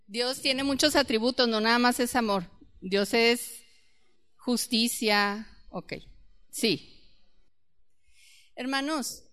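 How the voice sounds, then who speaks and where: A woman's voice: on the high side, a bit bright, clear, resonant tone. A woman teaching a church Bible class, often quizzing the group and repeating her key points. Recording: reverberant hall.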